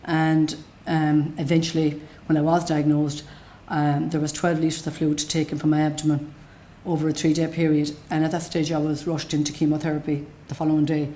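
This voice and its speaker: A woman's voice: deep voice, level tone, normal speed, few pauses, dark tone, slight background noise. A middle-aged woman with a west of Ireland accent giving an unscripted personal account in a plain-spoken, matter-of-fact way. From Galway, west of Ireland. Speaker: patient telling their own story.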